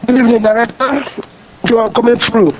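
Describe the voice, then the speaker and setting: A man heard through a phone line as he calls into a radio broadcast, his voice pitched high for a man. The sound is dull and lo-fi. He speaks formally and at length to the listeners. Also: steady tone, brisk, soft background music. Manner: formal, addresses listeners in long greetings. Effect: heard over a phone line. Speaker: caller, barrister. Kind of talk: formal radio call-in greeting. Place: calling from London.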